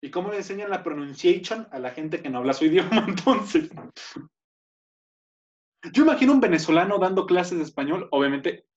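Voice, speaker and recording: Animated Mexican man joking on a podcast. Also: high-pitched, brisk, lo-fi sound. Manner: animated, joking, rants with mock outrage. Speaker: podcast co-host. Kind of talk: casual chat.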